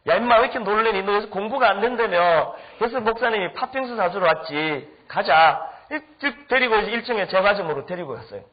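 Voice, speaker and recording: A middle-aged man preaching in a high, animated voice that swings up and down. He tells funny anecdotes and acts out the people in them. The recording is dull and lo-fi. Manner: animated, humorous anecdotes with acted-out quotes. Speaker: pastor. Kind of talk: storytelling sermon.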